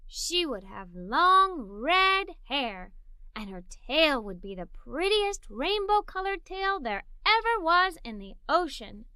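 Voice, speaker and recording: This storybook reader is a woman whose high-pitched voice carries no echo. Taking on the first-person role of an imaginative, curious little girl, she reads a children's tale with lively expression and occasional giggles.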